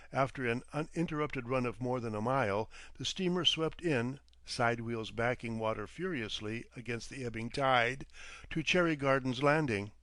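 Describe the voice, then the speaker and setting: A male audiobook narrator reads vintage detective fiction in a measured, literary manner. His mid-range voice is a bit bright, and the recording is dry.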